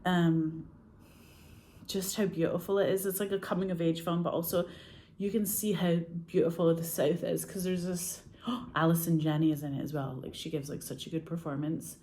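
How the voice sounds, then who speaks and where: In this casual chat, a woman from Scotland who acts and makes films tells meandering stories, peppered with laughter and frequent "like"s. She speaks at a normal pace in a warm, steady voice on the low side.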